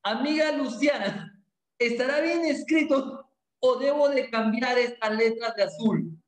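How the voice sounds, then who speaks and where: A male English teacher teaches a class in a playful, animated way and quizzes his students. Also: very high-pitched, a little slow, roomy sound, rough recording. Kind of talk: classroom lesson.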